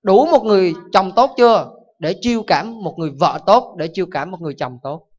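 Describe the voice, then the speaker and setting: A Buddhist monk giving a dharma talk, full of animated stories and rhetorical questions to his listeners. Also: sits high, fairly quick. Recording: dull lo-fi recording.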